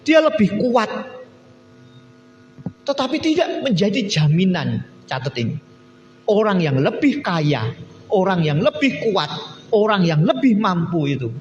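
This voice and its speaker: A male pastor with a Javanese accent preaching a sermon in church, lively and acting out the people in his stories. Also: high voice, reverberant, in a large hall, highs cut off, slight background noise. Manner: animated preaching, acting out quoted church members.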